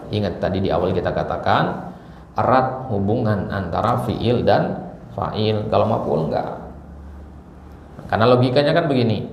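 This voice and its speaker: A man teaching an Arabic grammar lesson in a mosque hall, asking the class questions and then answering them himself. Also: lowish voice. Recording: roomy hall echo with faint background noise.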